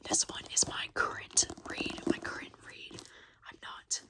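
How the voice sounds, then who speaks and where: A woman in her late twenties hosting ASMR, chatting casually in a breathy whisper and softly repeating some phrases. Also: unhurried. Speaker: ASMR video host.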